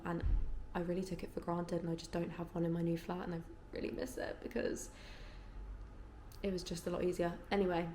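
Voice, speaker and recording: This woman's voice is fairly low and dark as she rambles to camera in her flat, sounding tired and congested and peppering her casual vlog talk with "like" and "yeah". Reverb and a faint hiss or hum are present.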